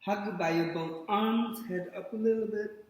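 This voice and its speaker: Slow, calm male yoga instructor. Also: sits high. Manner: calm, short spoken cues with pauses. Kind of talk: guided yoga class. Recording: very echoey room with long reverb.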